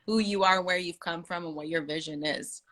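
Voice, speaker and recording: A woman with a low but bright, forceful voice hosts a live online interview. She asks encouraging open questions at an unhurried pace. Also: fairly even intonation. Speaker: interview host.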